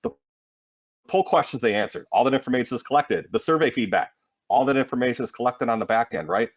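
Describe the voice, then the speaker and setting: A man presenting a marketing webinar in an energetic sales pitch, often tossing in "right?". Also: quick pace, dry recording, highs cut off.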